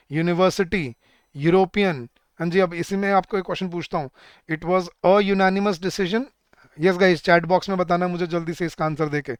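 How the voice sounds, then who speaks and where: A man teaching an online exam-prep lecture, sounding words out slowly and putting questions to his class. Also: high voice, clean tone, no room sound, studio quality. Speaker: English teacher.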